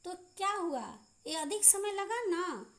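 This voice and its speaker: A woman teaching a children's grammar lesson, reading word pairs aloud slowly and drawing out the vowels. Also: very high-pitched, animated, fairly bright tone. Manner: slow, drawn-out pronunciation drills with repeated word lists. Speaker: primary school teacher. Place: school class video.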